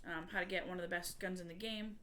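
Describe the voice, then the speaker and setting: A woman's voice: on the low side, steady tone, quick pace, pushed and bright. A woman game streamer chatting casually with viewers and explaining things in a conversational way. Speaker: variety gamer and streamer.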